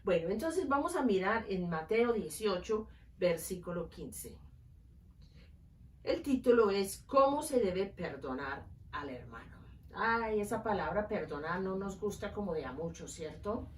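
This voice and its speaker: A woman's voice: mid-range voice, very animated, a little slow. A woman teaching the Bible, reading scripture aloud and asking her listeners rhetorical questions. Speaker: women's ministry Bible teacher. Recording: roomy, distant mic.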